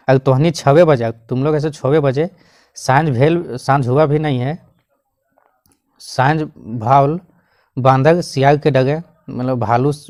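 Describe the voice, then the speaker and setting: A man teaching, who reads a line in a regional dialect and then explains it in plain Hindi, often coughing and clearing his throat. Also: mid-range voice, darkish tone. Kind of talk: explaining a Khortha text line by line.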